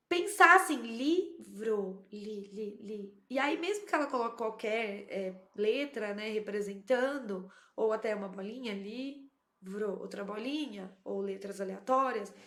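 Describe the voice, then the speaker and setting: A woman teacher explaining classroom methods in a lively, explanatory way, sometimes acting out short exchanges with a child. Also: fairly high pitch, reverberant. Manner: explanatory, animated, acts out child dialogues. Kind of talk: educational tips to camera.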